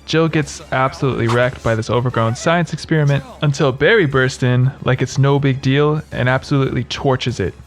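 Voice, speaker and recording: A man's voice: medium pitch, fairly even intonation, brisk, few pauses, soft background music. A man narrating scripted humorous commentary as a video host, in a sarcastic, mocking manner.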